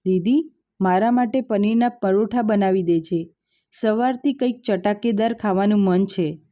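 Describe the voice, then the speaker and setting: A relaxed young son from a storybook, as a woman narrator voices him. He speaks casually, in a dark, mellow tone with a slightly muffled sound. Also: medium pitch, a little slow, natural voice. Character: easygoing young son, man.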